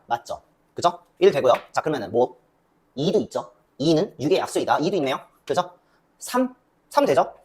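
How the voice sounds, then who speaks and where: Young woman math teacher, rising and falling voice, quizzes and answers herself. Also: low voice. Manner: lively, asks and answers her own questions. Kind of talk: classroom lecture.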